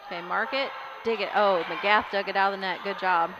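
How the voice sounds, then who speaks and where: A woman giving casual play-by-play commentary on a volleyball game, getting louder on big plays. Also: medium pitch, fairly even intonation, fairly quick, lo-fi sound. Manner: chatty, casual, rises loudly on big plays. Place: school gym during a game. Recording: loud crowd and gym noise.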